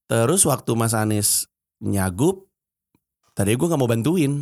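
A man, a stand-up comedian telling stories as a podcast guest, animated and acting out phone calls. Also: medium pitch, unhurried, dry recording, studio quality. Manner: animated storytelling, acts out phone calls and laughs often. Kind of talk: casual podcast chat.

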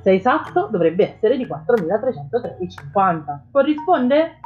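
A woman reading an audiobook, voicing a clever, calm little girl. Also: a little high, normal speed, muffled recording, soft background music, pitched above the performer's own voice. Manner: calm and patient.

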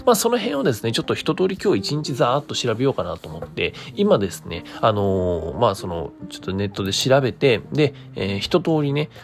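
A man's voice: mid-range voice, sing-song, brisk, vocal fry, hardly any pauses, faint music behind. A man hosting a casual solo talk stream, mixing polite presenter phrasing with chatty asides and thinking aloud in a hesitant, meandering way. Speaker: creator hosting his own daily talk stream. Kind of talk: casual solo monologue to listeners.

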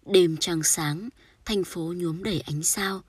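A woman reading a sorrowful short story aloud in a soft, storytelling manner. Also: lowish voice, slow, husky, dry recording. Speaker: audiobook narrator. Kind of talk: scripted literary narration.

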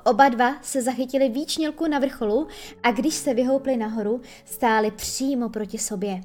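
A woman narrating a children's storybook in a lively, expressive way. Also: fairly high pitch, faint music behind. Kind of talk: storybook reading.

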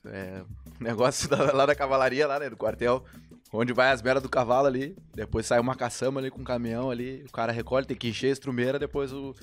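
A man's voice: mid-range voice, steady tone, fast, faint music behind. A man with a Southern Brazilian gaúcho accent, co-hosting a podcast in slangy casual chat and laughing often. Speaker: podcast co-host.

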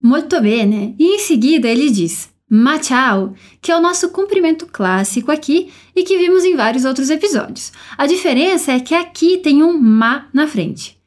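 The podcast lesson comes from a language teacher, a woman whose high, darkish voice carries a Brazilian Portuguese accent and lively intonation. She keeps an upbeat, encouraging tone and carefully slows down to model every word.

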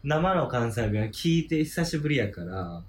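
A man's voice: medium pitch, sing-song, normal speed, a loud crowd. A man with a Kansai accent, co-hosting a casual podcast chat, easygoing and rambling, often correcting himself. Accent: Kansai Japanese. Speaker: podcast co-host.

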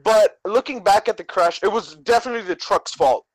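A man's voice: high voice, lively intonation, brisk, dry recording, rough recording. A young man chatting casually on a podcast as co-host, telling stories in slangy frat-bro talk full of bro and dude. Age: young adult. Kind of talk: casual chat, telling a personal story.

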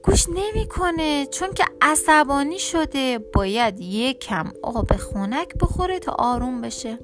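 A woman voicing a clever, cheeky male mouse in a children's storybook, calling out quickly in a playful voice. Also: sits high, animated, over music. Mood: sly. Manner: quick, shouting, playful tricks.

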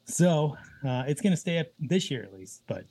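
A man in his thirties, a guest on a podcast, talking in a relaxed way and laughing easily. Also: fairly high pitch, moderate pace, slight background noise. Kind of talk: casual conversation.

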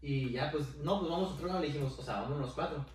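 A man's voice: a little high, very fast. A young man from Mexico, co-hosting a podcast in slangy casual chat. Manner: slangy, laid-back storytelling. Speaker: podcast co-host. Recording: echoey room, mic at a distance.

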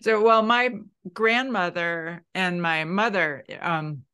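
A woman's voice: lowish voice, slow, a bit bright, clean tone. A woman hosting a podcast interview, reacting with enthusiasm and encouragement. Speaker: podcast host. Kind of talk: casual interview.

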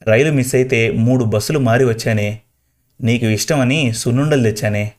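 A man's voice: mid-range voice, fairly quick, darkish tone, close to an everyday voice. A man voicing a devoted younger brother in a spoken story, tender and coaxing. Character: devoted younger brother pleading with dying sister.

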